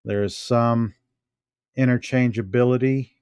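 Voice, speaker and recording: A man's voice: mid-range voice, steady tone, a little mellow, smooth, no echo, clean studio sound. A middle-aged American man musing to himself as he shows things in a casual vlog at home. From United States. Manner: unhurried, musing, talks to himself while handling objects. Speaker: vlogger. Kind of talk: casual show-and-tell vlog.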